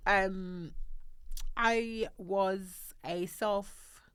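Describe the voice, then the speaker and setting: A woman's voice: mid-range voice, drawn-out words, clear, resonant tone. A woman, a podcast guest chatting casually and acting out family moments. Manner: animated storyteller, acts out her kids' voices. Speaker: podcast guest, hairstylist and salon owner. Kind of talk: casual chat.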